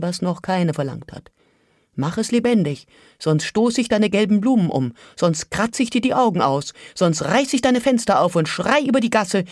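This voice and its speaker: A reader giving a measured, intense literary reading that drops to a hush and then rises to urgent outbursts. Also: medium pitch, dry recording, clean studio sound.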